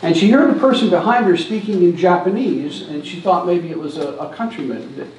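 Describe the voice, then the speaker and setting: Animated and a bit fast, this older man's high-pitched, slightly mellow voice fills a church seminar talk full of stories. He gestures from a lectern in a large hall, and the distant, echoey recording has some background noise.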